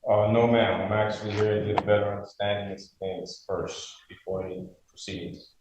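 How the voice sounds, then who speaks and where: A man speaking as a defendant at a court hearing, halting and full of filler sounds as he reaches for legal phrases, heard in a courtroom recording. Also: lowish voice, little pitch movement. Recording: echoey courtroom audio from a distant mic, faint hiss.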